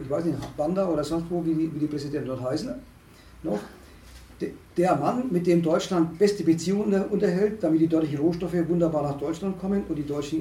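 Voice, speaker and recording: A man holding forth in a discussion, halting and restarting often, with emphatic rises. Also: a little high, dark tone. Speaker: speaker at a discussion on asylum. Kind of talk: lecturing discussion talk. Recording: echoey room, distant mic, faint noise.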